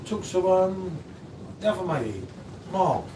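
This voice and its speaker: A man's voice: high voice, animated, a little slow, recorded from a distance. A man around fifty, co-hosting a live beer review stream and chatting casually with teasing, rambling banter. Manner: teasing, rambling, chatty, says "mate" often. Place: indoor room, live stream. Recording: roomy, off-mic, faint background hum.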